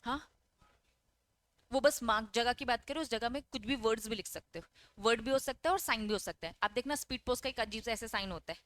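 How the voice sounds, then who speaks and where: In an online exam-prep class, a woman with a fairly high, slightly bright voice reads out English lines from the text and explains them. She keeps posing questions to her students, answers them herself, and frequently checks in with "okay?". There's no echo.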